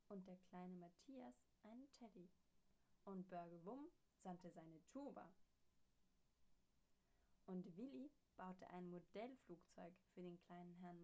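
A woman reading a children's story aloud in a slow, deliberate storytelling manner. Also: lowish voice, mellow.

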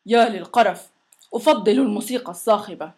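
A woman's voice: mid-range voice, fast talker, close to an everyday voice. A woman voicing a big, sulky, sick male monster in a storybook reading, whiny and complaining. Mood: grumbling. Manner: whiny and complaining, loud when shouting demands.

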